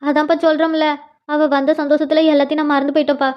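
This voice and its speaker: A woman's voice: sits high, little pitch movement, rapid-fire, dull audio, voice pushed down, lightly acted. A woman voicing a remorseful elderly woman in a cartoon, speaking apologetically. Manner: confessing, apologetic.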